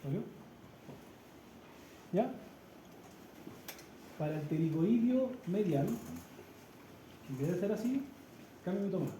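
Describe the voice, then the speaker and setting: A man's voice: high voice, lively intonation, slow, long pauses. Man teaching a hands-on class. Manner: explains step by step, often checks with "¿ya?". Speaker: instructor. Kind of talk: hands-on practical class demonstration. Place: practice room with a treatment table. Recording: echoey room with loud background noise.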